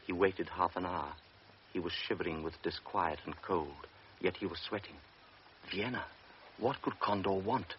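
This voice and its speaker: Speaking with a very low voice, a man narrates a radio drama in a grave, measured manner. The recording sounds dull, and a constant hiss sits behind him.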